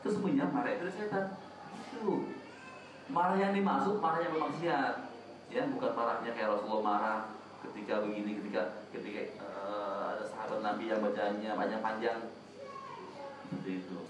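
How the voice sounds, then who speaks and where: A man's voice: lowish voice, steady tone, a little fast, background noise. A man giving a casual religious talk in a prayer room, joking and asking his audience questions. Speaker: preacher. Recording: echoey room from a distant mic.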